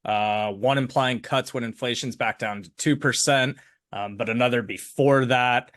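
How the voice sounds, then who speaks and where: A man's voice: medium pitch, normal speed, a bit bright, no echo, studio quality. A man co-hosting an investing podcast, asking brief questions in a casual way. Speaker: podcast co-host. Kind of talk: conversational interview questions.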